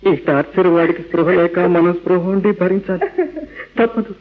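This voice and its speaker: A high-voiced Telugu Indian man acting as an anguished, rationalist father in an old radio play. He is emphatic and theatrical, dropping in English words, on a tinny, narrow-band recording. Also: steady tone, brisk, close to an everyday voice. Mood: firm, reasoning. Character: rationalist young father, atheist, anguished over his son.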